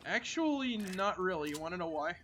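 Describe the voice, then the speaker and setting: A man with a high voice talks through a game stream, looping back on himself with constant likes and false starts. A faint hiss sits under his voice. He sounds like he is chatting casually with a friend. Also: big pitch swings, brisk, fairly bright tone. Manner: rambling, full of filler likes and restarts. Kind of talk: casual gaming chat.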